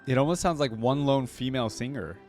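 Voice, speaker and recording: With piano-and-choir theme music running underneath, a man reacts casually as host, thinking out loud through informal questions and exclamations. His mid-range voice is slightly mellow and moves a little quickly.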